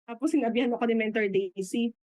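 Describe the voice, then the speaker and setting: A woman's voice: high-pitched, animated, measured pace, no echo. A middle-aged Filipino woman giving a motivational business talk. She mixes in English, laughs often, and acts out quoted people. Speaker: business mentor.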